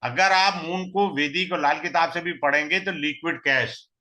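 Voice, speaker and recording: A male astrology teacher gives a recorded lesson in a very bright, sharp, cutting voice. He talks a little high and often quizzes his students with rhetorical questions before answering them himself. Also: normal speed. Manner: mixes in English terms and repeats key phrases. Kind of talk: recorded online lesson, explaining step by step.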